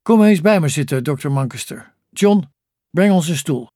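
A man voicing a stern old male wartime leader with a dark, lisping, growling voice in an audiobook. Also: on the high side, expressive, normal speed, no echo, studio quality.

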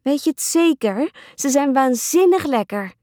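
A woman reading a storybook aloud and voicing a pushy, giggly little girl in a high, singsong, teasing voice. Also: expressive, measured pace, warm tone, no room sound, clean studio sound. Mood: sugary.

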